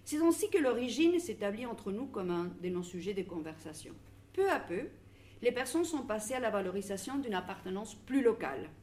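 A woman's voice: mid-range voice, big pitch swings, darkish tone. Argentine woman reading a conference talk. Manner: measured, reads from notes with small restarts. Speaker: researcher presenting at a public debate.

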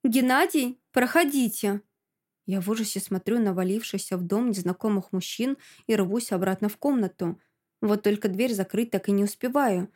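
A woman narrating a first-person audiobook in an expressive, dramatic way. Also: medium pitch. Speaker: audiobook reader.

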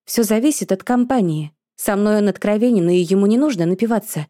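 A woman voicing an impulsive, emotional young woman who speaks up loudly and complains in an audiobook. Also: mid-range voice, fairly quick, no room sound, studio quality, pitched above the performer's own voice, close to an everyday voice. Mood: excitable. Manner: excitable, complaining, raised voice.

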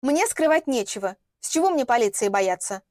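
A woman's voice: sits high, animated, normal speed, a little mellow, dry recording, clean studio sound, pitched above the performer's own voice. A woman reading an audiobook, voicing a hostile, secretive young woman who hisses and interrogates. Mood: defensive. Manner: hissing, interrogating.

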